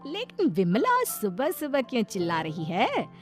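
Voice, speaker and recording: A woman giving scripted storybook narration for a cartoon, in a clear, even storytelling manner. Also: on the high side, unhurried, soft background music.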